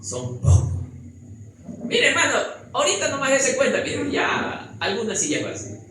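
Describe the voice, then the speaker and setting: A man's voice: very high voice, huge pitch swings, moderate pace. A man preaching as pastor to his congregation, asking rhetorical questions and calling them brother. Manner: bursts into loud acted cries. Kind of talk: sermon. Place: church hall with congregation. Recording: very echoey church hall, faint ambient noise.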